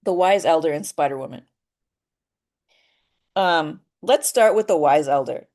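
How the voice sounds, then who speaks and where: A woman with a low, slightly mellow voice teaches voice acting in a casual lesson, animated but unhurried. She thoughtfully explains her ideas step by step, using lots of "um" and asking "right?" often.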